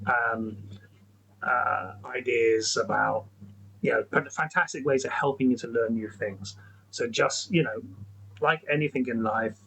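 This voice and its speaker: A man's voice: mid-range voice, fairly bright tone, a little hiss or hum, rough recording. A man talking through a screen-recorded tutorial in a chatty, rambling way, restarting sentences and saying "okay, so" often. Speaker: tech educator.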